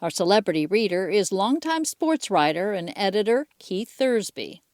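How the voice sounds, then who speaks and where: A woman's voice: mid-range voice, very animated, normal speed, a little mellow. A woman hosting a podcast, interviewing children about a book with short, playful questions. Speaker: podcast host.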